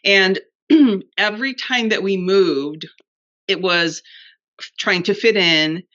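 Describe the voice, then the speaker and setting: A woman's voice: medium pitch, slow pace, fairly bright tone, lo-fi sound. A woman in her fifties, a native Spanish speaker, hosting a podcast interview and telling her story earnestly. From United States and Mexico. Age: 50s. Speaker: podcast host. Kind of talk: conversational interview.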